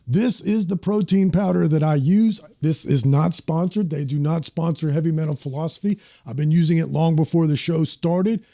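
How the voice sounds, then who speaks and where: A man's voice: a little high, creaky, warm tone. A man hosting a casual metal album review show, enthusiastic and joking. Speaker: host.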